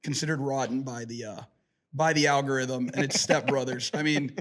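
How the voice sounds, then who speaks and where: A young guest with a rough, gravelly voice, confidently boasting in a casual movie chat. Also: male voice, medium pitch, fairly even intonation, normal speed, fairly bright tone. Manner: dry, confident trash talk.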